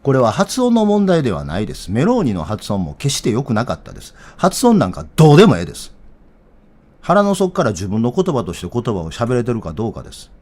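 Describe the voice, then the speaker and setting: A middle-aged man with a strong Kansai accent delivers political commentary. He talks bluntly and heatedly, with a very lively, swinging pitch. He sounds rough-spoken and unpolished, as if chatting with regular viewers. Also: quick pace.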